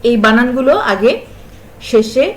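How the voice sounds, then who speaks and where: A woman teaching a spelling lesson to school pupils, slowly listing example words and stressing their sounds. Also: a little high, steady tone, poor audio. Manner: stresses and repeats sounds to show pronunciation.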